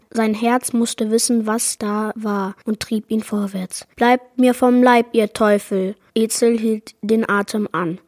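A woman reading aloud a chapter of a children's fantasy adventure book in a measured narrating manner. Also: fairly high pitch, darkish tone, no room sound, clean studio sound. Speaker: book reader. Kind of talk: storybook read-aloud.

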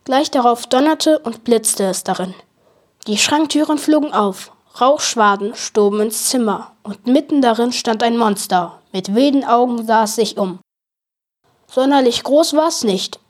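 Woman, reading aloud, children's book, expressive, slightly high. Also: measured pace. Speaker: reader.

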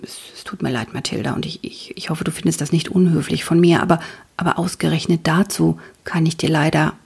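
A woman's voice: mid-range voice, normal speed, gravelly, a little mellow, breathy edge. A woman voicing a bashful adult male detective who stammers and mumbles, in an audiobook. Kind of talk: audiobook character voice.

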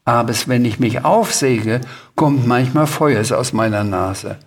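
A man doing a slow plaintive little dragon. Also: fairly high pitch, fairly even intonation, gravelly, exaggerated voice. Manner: slow, plaintive, can't pronounce R. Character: small blue dragon, anxious, can't say R.

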